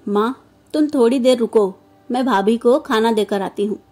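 A woman voicing a gentle, caring young married daughter who speaks softly and coaxingly in a storybook. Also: a little high, normal speed, close to an everyday voice. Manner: soft, coaxing.

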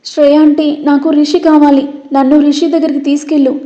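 A woman's voice: sits high, little pitch movement, fairly quick, mellow, muffled recording, voice pushed up, lightly acted. A woman voicing a distraught young woman who sobs and cries out desperately. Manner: sobbing, desperate.

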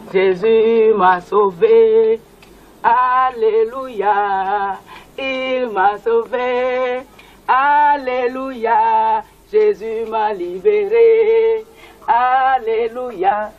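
An older woman acting in a film drama as a devout, excitable village grandmother, fervent and exclamatory. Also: sits high. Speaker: actor. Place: outdoor village yard. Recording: muffled, hissy old film soundtrack.

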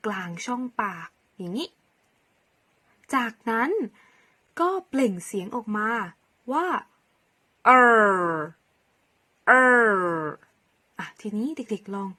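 A woman teacher from Thailand leading a phonics lesson for young children, sounding out each letter slowly and clearly and cheering them on. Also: medium pitch, lively intonation, a bit bright. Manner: slow, clearly sounded-out model pronunciations; encouraging teacher talk to young pupils. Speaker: English teacher.

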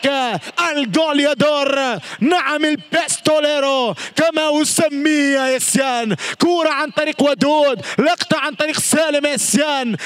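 A man giving excited live football commentary, shouting goal calls and praising players with poetic nicknames. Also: very high voice, no room sound, studio quality. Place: amateur football stadium.

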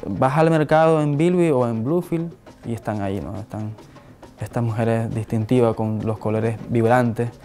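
A Nicaraguan visual artist with a warm, mid-range voice answers interview questions reflectively, with many restarts and tag questions. He's seated indoors in an office with a flag and shelves, captured by a fixed camera in a medium shot.

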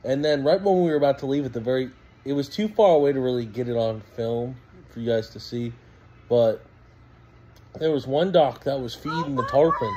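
A man's voice: mid-range voice, dark tone, highs cut off, slight background noise. A man in his thirties, a fishing vlogger, talking in a loose, rambling way into a phone camera in a small storage room. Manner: laid-back, rambling recap with fillers. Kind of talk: casual vlog narration.

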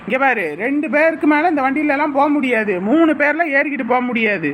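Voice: sits high, quick pace, muffled recording, a little hiss or hum, lightly acted. Voiced as a curt scolding husband. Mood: impatient. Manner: brusque, scolding. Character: curt, stingy village husband.

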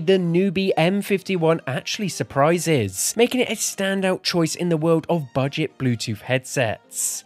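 A man in his twenties reading a scripted tech product review as narration. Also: high voice.

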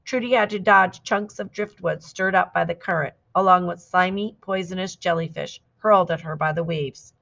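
A woman's voice: on the low side, normal speed, few pauses, highs cut off. Woman reading a picture book aloud. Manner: steady, clear storytelling with lively quoted shouts. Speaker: storybook reader. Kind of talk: scripted narration of a picture book.

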